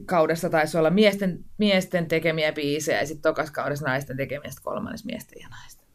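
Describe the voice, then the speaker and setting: A woman's voice: low-pitched, steady tone. Chatty guest, woman in her forties, casual interview talk, many fillers and false starts. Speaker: guest, screenwriter and director.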